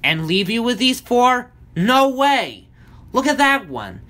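A man voicing a tough, bossy young female Smurf warrior who speaks gruffly and bluntly. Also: medium pitch, expressive, slow, fairly bright tone, pitched below the performer's own voice, heavily acted. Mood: alarmed.

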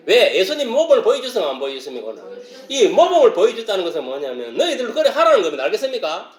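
A man preaching a sermon as pastor, explaining a passage and now and then breaking into loud shouted exclamations. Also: sits high, reverberant.

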